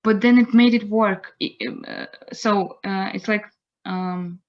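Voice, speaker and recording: A young woman giving an online lecture, unhurried and pausing to search for words. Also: mid-range voice, steady tone. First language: Russian. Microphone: computer mic on a video call. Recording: slightly dull video-call audio.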